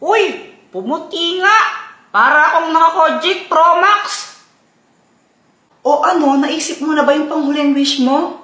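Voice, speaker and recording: A woman's voice: sits high, unhurried, long pauses, fairly bright tone. A woman acting out comedic skits, switching between character voices. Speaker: comedy sketch creator. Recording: echoey room with background music.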